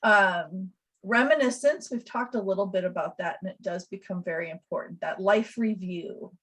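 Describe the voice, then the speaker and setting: A woman speaking gently and reflectively as a presenter in an online webinar. She explains things calmly and unhurriedly. Her voice sits at an ordinary middle pitch and comes through a video call. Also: moderate pace, breathy edge, poor audio. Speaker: death doula and presenter.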